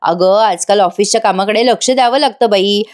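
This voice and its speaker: A woman voicing a gentle elderly grandmother who heads the family, in a retold serial scene. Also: mid-range voice, brisk, lightly acted.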